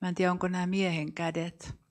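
A woman leading a spoken prayer and sharing a prophetic word, soft and hesitant, with fillers. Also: on the low side, flat delivery. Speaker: prayer leader.

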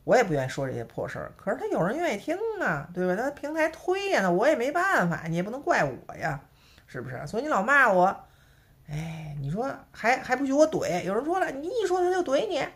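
A woman's voice: on the high side, sing-song, fairly quick. A woman with a Beijing accent chatting casually to camera as a vlogger, peppering her talk with rhetorical tag questions. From Beijing, China.

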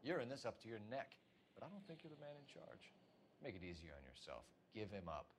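An actor playing a stern, no-nonsense 1940s American police detective in a noir crime game, terse and accusing. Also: male voice, lowish voice, big pitch swings, fast talker, a little hiss or hum. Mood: pressing.

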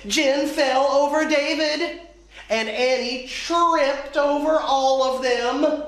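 Woman teacher, children's story time, very slow clear reading, echoey room. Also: sits high.

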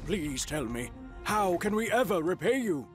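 A man's voice: sits high, big pitch swings, moderate pace, faint music behind. A man voicing a grateful cartoon king, speaking in a formal, grandiose, ceremonial way.

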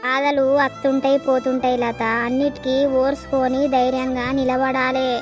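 Consoling cartoon village auntie, Telangana Telugu accent, high flat voice, voiced by a woman. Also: normal speed, music in the background, close to an everyday voice. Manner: soothing, pleading. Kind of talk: animated village comedy dub.

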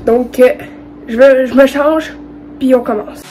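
A young Quebec French–accented vlogger, stuffed up from a cold, hesitantly and informally demonstrates a recipe to camera in her home kitchen. Her voice is high and warm, her tone steady, and her pace a little slow. Soft music plays beneath poor audio, and background noise is clearly present.

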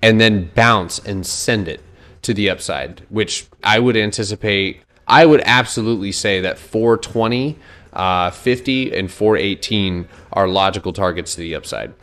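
Doing casual live chart analysis, this thirty-something trader breaks up his points with loose banter aimed at his chat. He sounds unhurried, with a lowish, slightly bright voice.

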